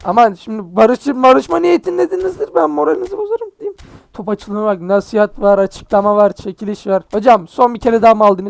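A young man casually commentating his mobile football game pack openings, excitable and joking, groaning and swearing at bad pulls. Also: high voice, vocal fry, dry recording.

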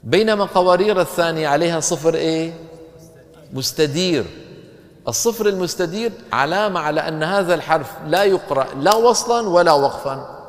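A man teaches Quran recitation, stopping to quiz his class. His voice sits a little high for a man. He draws the verses out in a slow chant, and a long reverb trails behind him. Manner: explains with questions to the class, chants verses slowly. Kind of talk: recitation lesson with chanted examples.

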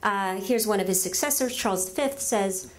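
A woman whose native language is Russian lectures with energy from a lectern in a large hall, frequently using fillers and putting rhetorical questions to the audience. Her mid-range voice keeps a moderate pace.

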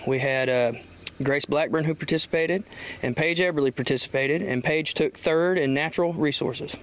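A man, an FFA advisor, answering interview questions casually and haltingly, with many filler sounds. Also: a little high.

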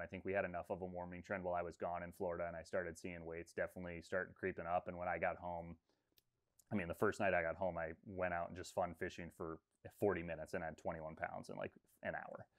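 Deep-voiced man, relaxed and rambling. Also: brisk. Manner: relaxed, rambling, many fillers. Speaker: fishing guide. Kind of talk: casual interview talk. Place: room with textured ceiling. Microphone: video call webcam.

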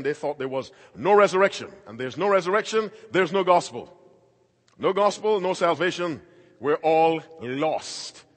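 High-voiced preaching man, long hall reverb. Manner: emphatic preaching, swings between loud and quiet. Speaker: pastor. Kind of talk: sermon.

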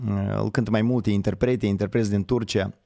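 A man with a hoarse voice hosting a live online show, talking in a rambling, conversational way and correcting himself as he goes. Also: fairly low pitch, steady tone, mellow, no echo, clean studio sound. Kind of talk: casual live-stream commentary.

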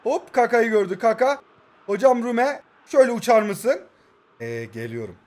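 A man in his twenties giving excitable live commentary on his mobile football match, shouting at players and muttering asides. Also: very high-pitched, normal speed. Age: 20s.

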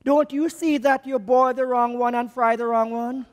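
A grumpy old husband snaps out short, scornful replies, as a preacher puts him on. The voice sits high and gruff. Long reverb trails after every word. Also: male voice, steady tone, moderate pace.

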